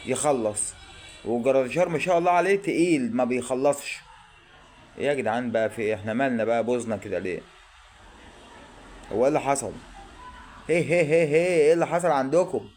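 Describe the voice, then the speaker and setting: A man with an Egyptian accent giving a live reaction while watching a football match, anxious and excitable, pleading and exclaiming. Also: mid-range voice, a little hiss or hum. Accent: Egyptian Arabic. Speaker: football fan vlogger.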